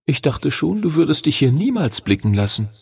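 A man's voice: a little high, sing-song, moderate pace, vocal fry, a little mellow, husky, no echo, pitched above the performer's own voice, heavily acted. Phönix, a man voicing a young dragon. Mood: friendly. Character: young wise hatchling dragon, newly bonded.

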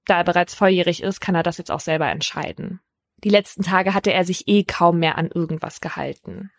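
A woman speaks in a calm, matter-of-fact voice, narrating her own account as a care worker. The recording is close and dry, with no room sound around her voice. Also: lowish voice, brisk, no room sound. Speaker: care worker in a youth facility. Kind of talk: first-person narrated account.

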